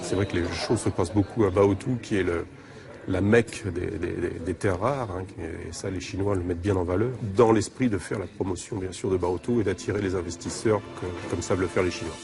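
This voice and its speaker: Deep gravelly guy in an interview, keeps stumbling on words, music underneath, a bit far from the mic. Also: brisk. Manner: hesitant, repeats words while searching. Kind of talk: interview comment.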